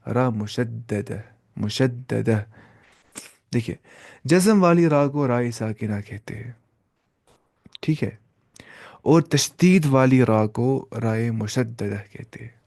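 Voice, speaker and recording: A man's voice: mid-range voice, vocal fry, a little mellow, no echo, clean studio sound. A man teaching Quran reading in a class. He puts questions to the class, answers them himself, and repeats and stretches out sounds to demonstrate them. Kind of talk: classroom lesson.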